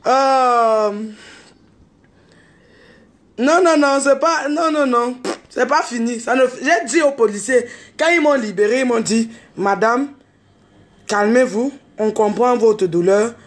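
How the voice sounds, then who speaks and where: A woman, telling a story in an animated, unscripted rant to camera and mixing in street slang. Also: fairly high pitch, takes it slowly, pauses often. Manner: exclaims and calls out to others. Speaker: online video host.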